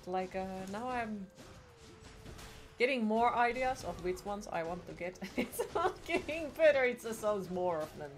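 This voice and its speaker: A woman's voice: mid-range voice, a little slow. A young Finnish woman with a Finnish accent, chatting casually and sarcastically while streaming a game, swearing often. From Finland. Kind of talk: casual gaming stream chat. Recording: game music playing behind.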